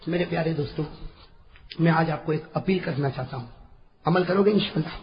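A man preaching a sermon to a large gathering, dropping to a soft murmur and then rising to fervent shouts as he calls out to his listeners. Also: fairly high pitch. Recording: echoey hall, dull lo-fi sound.

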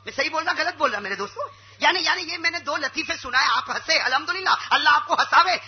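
A man's voice: very high-pitched, quick pace. A man, a religious speaker, telling humorous stories in a sermon and prompting his audience to answer back. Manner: animated, calls for audience replies. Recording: muffled lo-fi recording with hum.

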